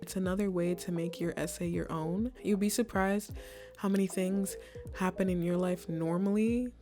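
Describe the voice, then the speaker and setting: Young woman rambling essay advice, lots of likes, kinda gravelly voice. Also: fairly low pitch, steady tone, moderate pace, dark tone, faint music behind. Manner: chatty, many "like"s and restarts. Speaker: college essay advice vlogger. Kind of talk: casual advice talk to camera.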